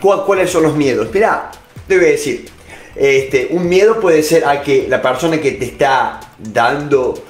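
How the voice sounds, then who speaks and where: A middle-aged man with a Rioplatense Spanish accent gives a motivational lecture on negotiation as an instructor, speaking to the listener directly in the second person and peppering his talk with "este" fillers. His voice sits a little high and moves at a measured pace. The sound is roomy, with soft music playing in the background.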